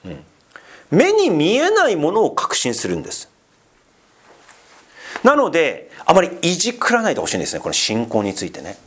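Animated, chatty male preacher. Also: on the high side, normal speed, pauses often, husky. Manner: chatty, asks the congregation questions and teases them; many fillers and asides. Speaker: pastor. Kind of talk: casual conversational sermon.

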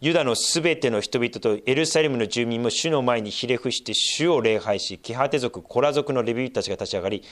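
A male pastor preaching in a church, reading scripture aloud and breaking into animated, lively asides. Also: medium pitch, brisk, few pauses.

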